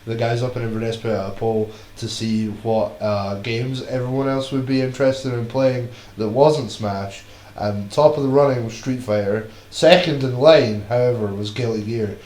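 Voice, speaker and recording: A man's voice: medium pitch, slight background noise. Scottish guy cohosting a fighting game stream, chill banter, swears a bit, echoey room. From Scotland. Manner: relaxed, swears casually, quick banter. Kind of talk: casual commentary chat.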